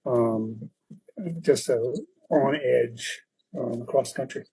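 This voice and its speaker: A man with a very husky, dark voice speaks over a video call. The sound is dry, and he talks in a calm, thoughtful, measured way. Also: medium pitch, no echo, poor audio. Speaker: meeting participant. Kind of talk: casual video meeting.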